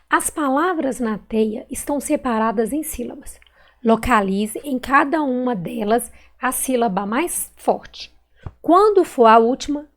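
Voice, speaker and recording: A woman's voice: a little high, a little mellow. A female primary school teacher from Brazil with a Minas Gerais accent, correcting exercises in a recorded online class and stretching out words and syllables patiently. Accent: Brazilian Portuguese, Minas Gerais.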